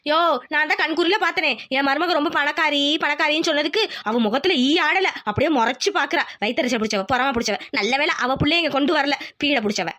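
A woman voicing a bossy, scheming village mother-in-law in a cartoon, talking quickly and insistently. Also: high voice, bright, forceful tone. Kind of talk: cartoon voice acting.

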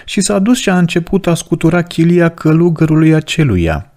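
A man reading a devotional story aloud in an expressive storytelling manner. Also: on the high side. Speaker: reader of a religious book.

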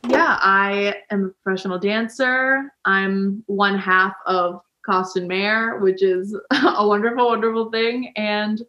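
A woman's voice: mid-range voice, steady tone, slow pace, few pauses, bright, forceful tone, echoey room, highs cut off. This is a young woman in her twenties, talking casually as an interview guest. She is chatty and sometimes laughs as she speaks. She is recorded through a webcam at home. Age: 20s. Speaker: guest, professional dancer. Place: indoor living room. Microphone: video call webcam.

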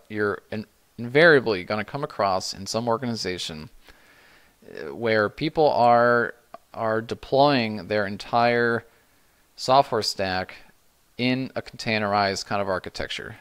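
Middle-aged guy on a livestream, lowish voice, rambling answers to chat, keeps restarting sentences. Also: clear, resonant tone. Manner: relaxed, rambling, frequent restarts and "you know". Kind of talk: casual live-stream Q&A.

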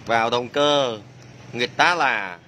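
A man's voice: mid-range voice, slow pace, pushed and bright, slight background noise. A man working as a motorbike mechanic, demonstrating a repair and joking and exclaiming to himself as he works. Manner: chatty, jokey, exclaims under his breath.

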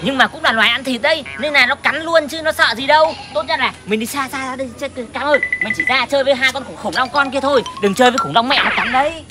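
Playful woman co-host for an exploring vlog: high voice, fast, lots of exclaiming, loud music underneath. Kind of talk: excited exploring chat. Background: loud background music.

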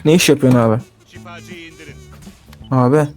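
A man's voice: mid-range voice, normal speed, a little mellow, faint music behind. A young man bantering casually and teasing his friends in a game voice chat. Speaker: gamer.

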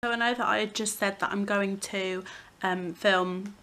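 A woman's voice: mid-range voice, fairly even intonation, normal speed, fairly bright tone. Chatty young woman vlogging at home. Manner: chatty, rambling, giggly. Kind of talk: casual vlog chat to camera. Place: at home indoors.

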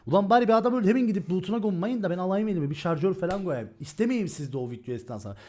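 A man's voice: high voice, lively intonation, racing, mellow. A man streaming and talking casually, ranting in an agitated way and swearing as he goes. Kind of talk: heated casual stream talk.

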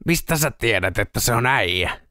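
A man voicing a reckless, brash young male drunk with a gruff, blunt manner in an audiobook. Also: medium pitch, expressive, bright, forceful tone, no room sound, clean studio sound. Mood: teasing.

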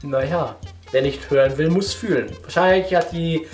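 A man's voice: fairly high pitch, normal speed, darkish tone, faint music behind. A young man giving casual, slangy, mock-serious reaction commentary to the camera in a living room. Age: young adult. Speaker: YouTuber reacting to videos.

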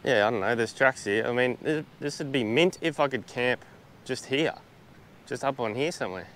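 A man's voice: medium pitch, moderate pace, a bit bright, slight background noise. An Australian man chatting casually through a travel vlog on a beach, laid-back, with lots of fillers and restarts, recorded outdoors on a small camera-mounted mic. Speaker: travel vlogger.

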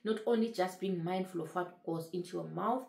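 This weight-loss vlogger, a woman in her late thirties, speaks casually and earnestly to camera, repeating phrases for emphasis. Her gravelly, slightly mellow voice is on the low side at a normal speed, and the room sounds spacious.

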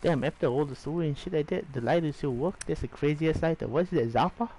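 A man's voice: on the high side, normal speed, warm tone, low-quality recording. A man streaming a video game, reacting with loose, slangy commentary and frequent swearing. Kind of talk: casual gameplay commentary.

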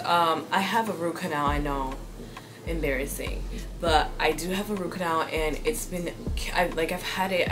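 A woman's voice: on the low side, poor audio. A young woman vlogging to camera in casual chat, blunt, swearing freely and padding her talk with fillers. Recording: music playing behind the voice.

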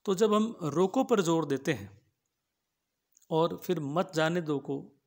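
A man with a fairly high voice lectures on logic in a measured, patient way. He circles back over each idea, rephrasing it and grounding it in plain everyday examples. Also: animated. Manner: explains slowly, repeats and rephrases each point with simple examples. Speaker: philosophy teacher.

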